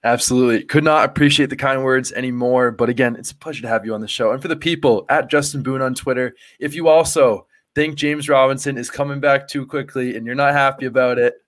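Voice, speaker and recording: Rambling male podcast host, mid-pitched. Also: steady tone, fast, few pauses. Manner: loose and rambling, full of "like" and "you know" fillers. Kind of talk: casual podcast interview.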